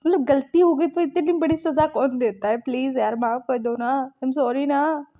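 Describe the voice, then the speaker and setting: A woman's voice: high-pitched, moderate pace, dark tone. A woman voicing a clingy young man who begs and insists he won't leave, with a dull lo-fi sound. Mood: pleading. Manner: begging, wheedling, insistent. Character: pleading, clingy young man, male alpha.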